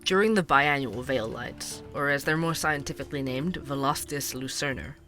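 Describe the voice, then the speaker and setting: In this scripted fiction podcast mixing narration and interviews, an actor plays a chatty, curious male host with a wry, explanatory, measured manner. He speaks in a natural, mid-range voice at a moderate pace, pushed and bright, over soft background music.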